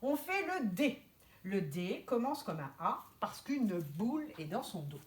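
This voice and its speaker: Leading a kindergarten handwriting lesson, a woman with a slightly high voice walks the children through every stroke at a measured pace. Her pitch swings widely as she explains, precise and gently firm, and the room gives her voice a clear echo.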